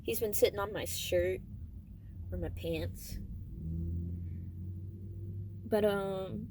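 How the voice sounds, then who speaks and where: A young adult woman vlogger telling a personal story in a casual, rambling, fond way, with animated emphasis and trailing asides. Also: medium pitch, drawn-out words, noisy background.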